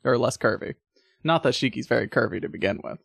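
A man's voice: mid-range voice, animated, quick pace, creaky, slightly rough, no room sound. A man in casual podcast chat, recapping a film scene by scene, laughing often and rambling with fillers. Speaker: podcast co-host.

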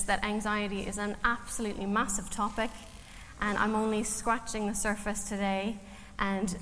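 A Canadian woman in her forties, a counselor appearing as a guest speaker, gives a casual, self-deprecating church talk full of ums, her Canadian accent carrying a slight Irish twang. Her mid-range voice is a bit bright, recorded in an echoey church hall with faint noise.

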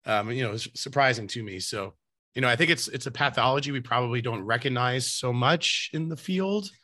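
A man who is an emergency doctor, talking thoughtfully with many pauses and fillers. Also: medium pitch, bright, forceful tone, dry recording, studio quality. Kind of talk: casual chat.

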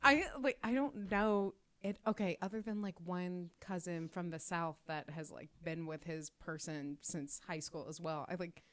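A woman's voice: fairly low pitch, moderate pace, few pauses, fairly bright tone. A woman co-hosting a book podcast in a bubbly, upbeat casual chat, laughing easily. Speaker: podcast co-host.

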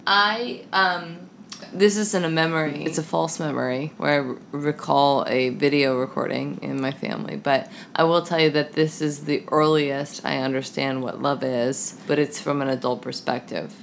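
Low-voiced woman in her thirties, rambling. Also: steady tone, moderate pace, gravelly, slight background noise. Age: 30s. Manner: rambling, lots of "like"s and acted quotes. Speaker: guest. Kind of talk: casual chat.

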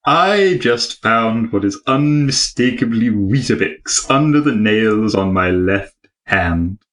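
A man hosting a casual comedy podcast, reading out listener questions with dry, deadpan humor. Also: on the low side, slow pace.

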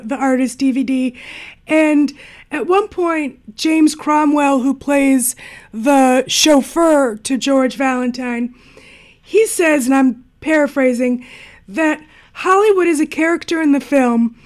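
A woman with a high voice hosting a podcast interview. She asks long, inquisitive questions and thinks aloud as she goes. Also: darkish tone. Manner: inquisitive, discursive. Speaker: podcast host.

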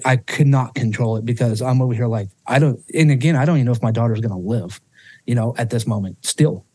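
Mellow-voiced man telling a raw story. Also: mid-range voice, husky, no echo. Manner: emotional, swears freely, many restarts. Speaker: podcast guest. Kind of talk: personal storytelling.

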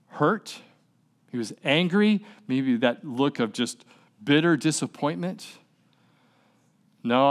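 A man preaches in an easygoing, conversational way, with a voice pitched in the middle range. He asks his listeners questions, then answers them himself. He often repeats a word or starts a phrase over as he drives a point home. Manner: repeats words and restarts while stressing points. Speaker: pastor. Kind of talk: sermon.

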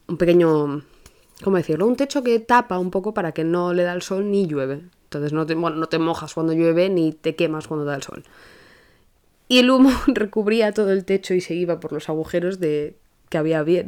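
A woman's voice: on the low side, clean tone. Young Spanish woman telling a story. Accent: Spain Spanish. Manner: animated, rushes and restarts while telling an anecdote. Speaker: podcast host. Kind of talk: casual storytelling monologue.

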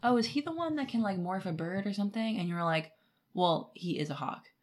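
A woman co-hosts a podcast, chatting casually about a book she's recapping and now and then acting out paraphrased lines from its characters. Her medium-pitched voice is animated and brisk.

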